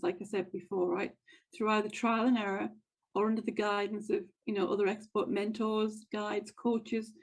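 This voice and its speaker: A woman's voice: mid-range voice, darkish tone, rough recording. Earnest woman coaching listeners. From United States. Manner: earnest, encouraging, repeats key phrases. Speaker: podcast host and wealth coach. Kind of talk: motivational monologue.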